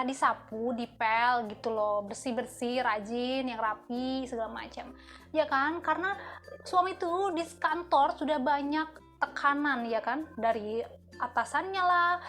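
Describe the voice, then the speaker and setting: A woman with a bright, high voice talks casually through advice for wives. She keeps asking for agreement as she goes, and faint music plays softly behind her. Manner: chatty, keeps tagging "ya kan?". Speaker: host giving marriage advice to wives.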